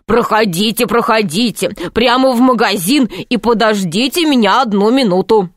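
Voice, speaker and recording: A woman reading aloud, voicing a cheerful eccentric male shopkeeper who talks in a jolly, hurried, welcoming way. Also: a little high, no room sound, clean studio sound, natural voice.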